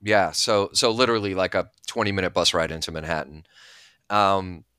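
A man's voice: low voice, moderate pace, bright, forceful tone, smooth, dry recording, clean studio sound. A man in his thirties, originally from Bulgaria, talking candidly as an interview guest. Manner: thoughtful, candid, many fillers. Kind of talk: casual interview talk.

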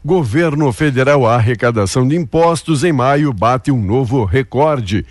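A man's voice: medium pitch, animated, normal speed, no echo. A man presents radio news. He mixes headline delivery with casual banter. The recording is dry and close, with faint music behind.

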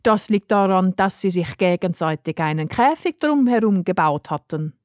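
A woman voicing a kindly old grandfather who speaks calmly and soothingly, in a storybook reading. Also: fairly low pitch, moderate pace, no echo, studio quality, lightly acted. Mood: gentle. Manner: calm, soothing, relishing.

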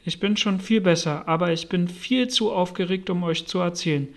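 A man's voice: high voice, moderate pace. A man voicing a small, dazed male lizard in a storybook, weak and breathless.

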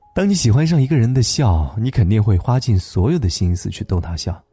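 A man hosting a late-night story program, narrating a gentle tale in a calm, tender way. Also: lowish voice, normal speed, breathy edge, no room sound. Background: soft instrumental music.

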